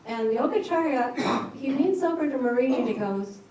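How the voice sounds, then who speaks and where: A woman giving a personal storytelling talk at a retreat, animated and acting out what others said. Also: high voice, moderate pace. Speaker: speaker at a yoga retreat. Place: large echoey retreat hall. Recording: echoey hall from far off, faint hiss.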